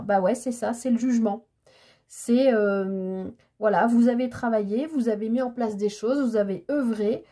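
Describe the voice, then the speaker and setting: A woman giving a tarot reading in a casual, hesitant way, stammering and filling pauses as she talks. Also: on the high side, warm tone. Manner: hesitant, stammering, many fillers. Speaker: tarot card reader.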